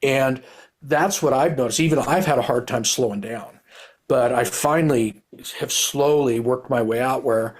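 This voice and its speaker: A man's voice: medium pitch, normal speed. A middle-aged man speaking with candor, a retired cop who rambles and restarts his sentences. His voice sits in an ordinary middle register, and his delivery is earnest and unpolished. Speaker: guest, retired police officer and author. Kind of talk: candid conversational storytelling.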